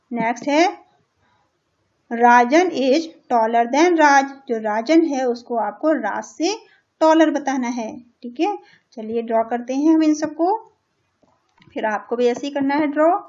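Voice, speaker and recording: A high-voiced Indian woman teaches young children English, going slowly over each sentence and translating it. She keeps checking in with the class in a patient, steady way. The recording sounds dull and lo-fi. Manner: patient, repeats and translates each line, checks with "theek hai". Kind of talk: explaining a children's English lesson in Hindi.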